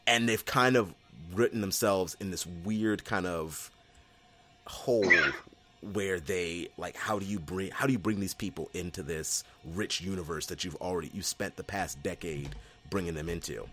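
Low-voiced excitable man on a podcast. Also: normal speed, soft background music. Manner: excitable, laughs often, many ums. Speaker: podcast host. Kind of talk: casual podcast chat.

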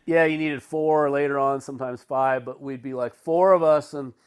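Smooth-voiced man telling laid-back stories. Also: medium pitch, fairly even intonation, moderate pace. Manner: rambling, laid-back, with fillers and swearing. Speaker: guest. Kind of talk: casual storytelling.

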